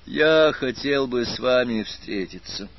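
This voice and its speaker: A man's voice: lowish voice, animated, normal speed, husky, dull audio. A man playing a gloomy remorseful grad student. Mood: subdued. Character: gloomy remorseful young male graduate student.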